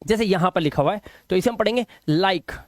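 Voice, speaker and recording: A man teaching English phonics rules, saying sample words slowly and repeating them, and asking his students whether they follow. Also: sits high, dry recording, studio quality. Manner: explains patiently, repeats words slowly and asks checking questions. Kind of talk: classroom phonics lesson.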